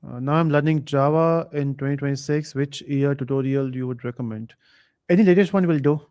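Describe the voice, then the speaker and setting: A man hosting a live online quiz, reading chat comments aloud and thinking out loud with fillers. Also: mid-range voice, a little fast, smooth. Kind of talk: casual live stream chat.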